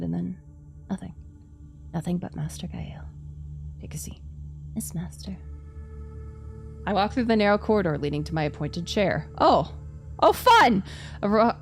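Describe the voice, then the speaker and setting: Female streamer reading a visual novel aloud; low, gravelly edge, dramatic delivery, music underneath. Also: darkish tone. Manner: stumbles over hard words and repeats them. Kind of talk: dramatic narration of game text. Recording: music behind the voice.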